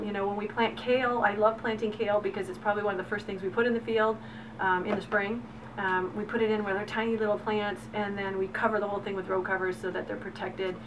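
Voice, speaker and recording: A middle-aged woman talks about her farm in an easy, enthusiastic way, stopping often for "um" and "you know". She sits some way from the microphone, and steady background noise runs under her voice. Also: medium pitch. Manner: enthusiastic, chatty, many fillers. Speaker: farm owner. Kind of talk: casual interview storytelling. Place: outdoors on a farm. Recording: distant mic with background noise.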